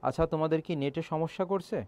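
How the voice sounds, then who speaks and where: In an online admission-prep class, a middle-aged senior teacher with a Bangladeshi Bengali accent explains things in steps, quizzes students often and keeps clearing his throat. He speaks very fast, with a fairly high pitch and a dark tone.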